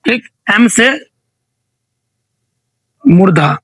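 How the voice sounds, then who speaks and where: A man's voice: high-pitched, animated, extremely slow, fairly bright tone, no echo, rough recording. A male teacher running an online revision quiz, asking each question again and again and prompting students to answer.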